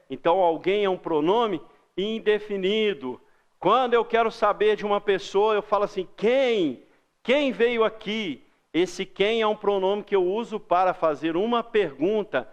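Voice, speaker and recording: A man's voice: high voice, smooth. A man with a Brazilian accent, a teacher giving a grammar lesson to children, explaining patiently with everyday examples and questions to the class.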